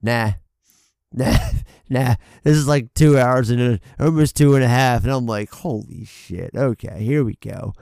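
A man co-hosting a laid-back film podcast, stuffy with a head cold, rambles into a desk mic on an arm, full of fillers and casual swearing. His mid-range voice is a little slow and creaky with a darkish tone. The recording has studio quality with no echo.

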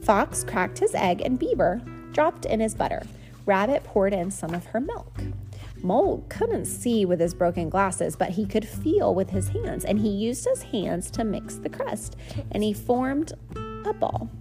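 A woman reading a children's storybook aloud to her kids in a lively, sing-song voice. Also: mid-range voice, unhurried, faint music behind.

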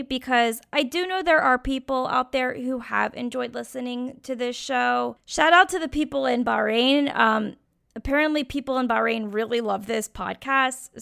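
Speaking frankly on her own podcast, a young woman talks alone in a casual, candid way, filling it with "like." Her voice is on the high side and creaky, with a fairly bright, clean tone.

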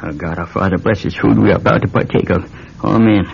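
Gruff old New farmer. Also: male voice, low-pitched, fast talker. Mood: curt, grudging. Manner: gruff, terse, folksy. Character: stern, grudging old New England farmer father. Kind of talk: radio drama acting. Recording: dull radio recording with faint noise.

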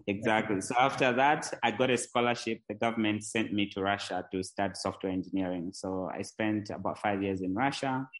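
Male podcast guest from Zambia, low pitch, unhurried anecdotal delivery. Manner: relaxed storytelling with fillers and restarts. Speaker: guest, tech entrepreneur. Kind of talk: conversational interview.

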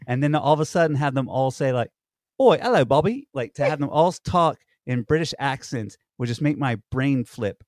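A man's voice: medium pitch, normal speed, hardly any pauses, no room sound, studio quality. A man co-hosting a podcast, telling stories in rambling casual chat full of fillers and restarts. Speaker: podcast co-host. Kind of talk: casual conversation.

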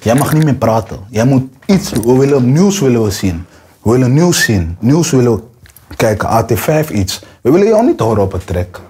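Husky-voiced young man, street slang. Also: mid-range voice, normal speed. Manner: animated, acts out quotes with raised voice. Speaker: interview guest, rapper. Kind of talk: casual street-slang interview talk.

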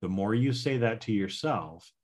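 A man hosting a podcast, teaching a gratitude exercise in a casual, drawn-out way, tagging lines with "right?" and "okay?". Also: lowish voice, lively intonation, a little mellow. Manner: slow, drawn-out, frequent "right?" and "okay?" tags. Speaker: podcast host and healing coach.

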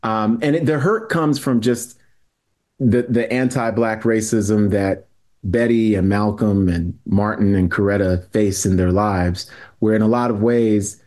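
A man's voice: fairly low pitch, a little slow, darkish tone. Earnest man explaining at length. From New York City. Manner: earnest, lecturing, many restarts. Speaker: guest historian. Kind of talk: podcast conversation.

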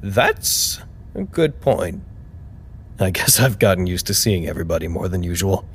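A worried, hesitant coworker, played by a man in an audio drama. His voice is very low, with faint noise in the background. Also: lively intonation, moderate pace.

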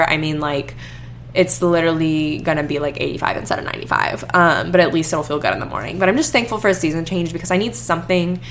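A young woman talks through her week on her own podcast. She rambles in a casual way, restarting sentences and filling gaps with "like." Her voice sits on the lower side. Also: fairly bright tone, a little hiss or hum. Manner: rambling, many "like" fillers and restarts. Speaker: podcast host. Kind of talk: casual solo podcast chat.

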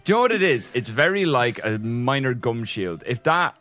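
A man's voice: mid-range voice, very animated, moderate pace, bright, forceful tone, faint music behind. A man chatting casually as a podcast co-host, with a very slight lisp from aligners on his teeth and a hesitant, careful delivery. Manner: hesitant, restarting, careful with S sounds. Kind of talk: casual chat.

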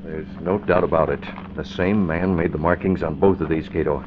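Decisive crime-fighter hero played by a male actor, very deep, firm, old radio drama, muffled with faint noise. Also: steady tone, normal speed, close to an everyday voice. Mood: serious, decisive. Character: decisive, serious crime-fighting newspaper publisher. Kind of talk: mid-century radio drama acting. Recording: dull, faintly noisy old radio recording.

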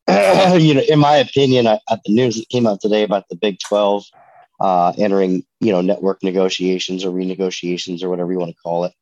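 A sick American man talks in a low, nasal, snotty voice clogged by a cold. He speaks haltingly and casually as a podcast co-host. The sound is dry and dull, like a lo-fi internet call. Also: level tone, a little mellow, no echo. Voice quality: congested, nasal, stuffy with a runny nose. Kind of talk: casual sports podcast chat. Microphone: online video meeting call. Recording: dull, lo-fi remote call audio.

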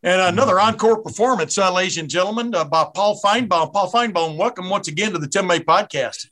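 Southern American male host, bright upper voice, casual rambling interviewer. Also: high-pitched, fast. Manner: rambling, chatty, many restarts. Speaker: podcast host. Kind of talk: casual sports podcast interview.

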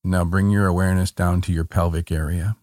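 A man guiding a body-scan relaxation in a calm, meditative tone, gently giving short soothing instructions. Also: low voice, brisk, dry recording, clean studio sound. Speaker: meditation guide.

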